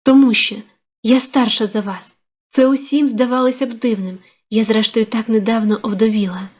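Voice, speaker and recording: A woman's voice: a little high, fairly even intonation, moderate pace, a little mellow, close to an everyday voice. A woman reading a novel aloud, voicing a flustered young widow who protests and exclaims. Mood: agitated. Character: flustered young widow, resisting yet drawn in.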